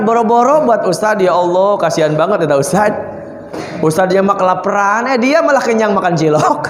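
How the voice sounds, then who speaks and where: A male preacher giving a playful sermon to children, acting out little scenes and chanting verses. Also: sits high. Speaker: preacher (ustad). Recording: echoey hall.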